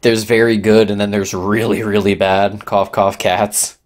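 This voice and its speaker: A man co-hosting a casual podcast, excitable and swearing, often trailing off mid-sentence. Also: lowish voice, a little slow. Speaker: podcast co-host. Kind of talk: casual chat.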